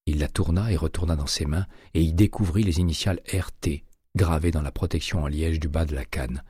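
A man reading a thriller audiobook in a steady, measured voice, recorded close and dry. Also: very deep voice, husky, dry recording. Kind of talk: audiobook narration.

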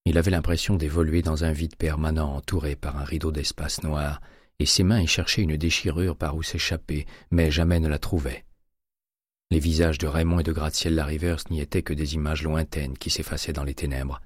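A man narrating a crime novel audiobook in a measured, dramatic reading. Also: very deep voice, flat delivery, slightly rough, no echo, clean studio sound.

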